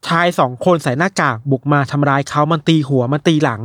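A man's voice: fairly high pitch, fast talker, no room sound, studio quality. A man casually retelling strange news stories to friends, acting out the people in them. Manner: animated retelling with quoted voices. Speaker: storyteller of odd news. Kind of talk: casual chat.

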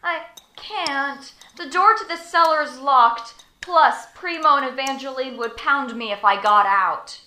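A woman's voice: high voice, measured pace, hardly any pauses, a little hiss or hum. A woman playing a scrappy, whiny orphan boy. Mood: exasperated. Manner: whiny, excitable. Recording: echoey room.

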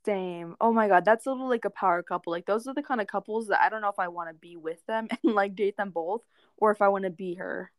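A woman's voice: medium pitch, fast talker, no room sound. Giggly young woman, dry close sound. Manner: giggly, gushing, trails off with "like". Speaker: podcast co-host. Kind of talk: casual chat.

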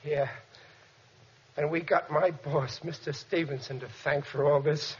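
A man playing an excitable, boastful, dim family man in a 1940s radio sitcom, stammering and blustering with bad grammar. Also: on the high side, a little slow, lightly acted. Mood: earnest, bragging. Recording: noisy, dull 1940s radio recording.

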